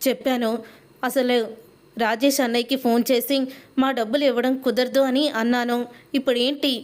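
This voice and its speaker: Young wife on the defensive, read out by a woman, pleading, a bit high. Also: flat delivery, normal speed, natural voice.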